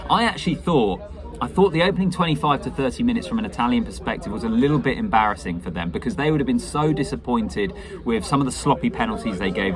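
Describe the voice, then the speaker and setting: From a small indoor room at home, a rugby pundit in his thirties talks to camera, casually analyzing a match he has just watched. His mid-range voice is conversational, and a crowd-like sound plays behind him.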